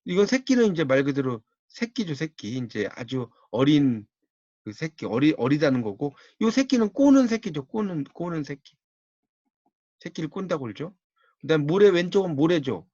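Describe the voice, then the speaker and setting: A man's voice: on the high side, very animated, normal speed, warm tone, no echo, dull audio. A man with a Gyeongsang accent giving a university-style lecture on Korean linguistics, explaining patiently and repeating key words.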